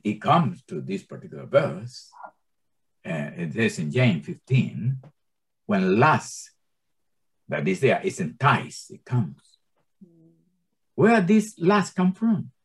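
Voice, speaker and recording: Speaking English as a second language, a man in his sixties leads a small group in informal Bible teaching, with grammatical slips and many stammered restarts. He sounds impassioned, and his voice sits on the lower side.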